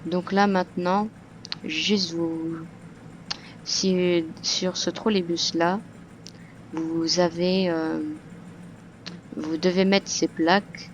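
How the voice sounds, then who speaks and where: A woman walks through a game tutorial in a slow, halting voice-over, full of fillers and restarts. Her voice sits a little low. The home mic sounds dull, with faint hiss behind her. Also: level tone. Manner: hesitant, many fillers and restarts. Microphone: computer microphone.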